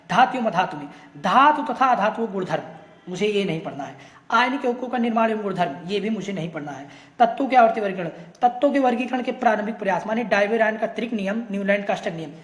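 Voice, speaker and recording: A woman teacher goes through a syllabus point by point, often asking a question and then answering it herself. Her voice sits at an ordinary middle pitch. The room around her gives it a clear echo. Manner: reads topic lists one by one. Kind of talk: syllabus walkthrough lesson. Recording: echoey room.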